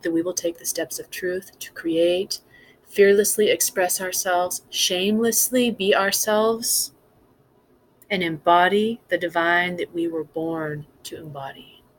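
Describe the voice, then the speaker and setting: A woman with a lowish voice speaks at a measured pace, giving an impromptu spiritual talk as a teacher. She is earnest and emphatic, building her points through repeated phrases. The recording is low quality, with clear background noise.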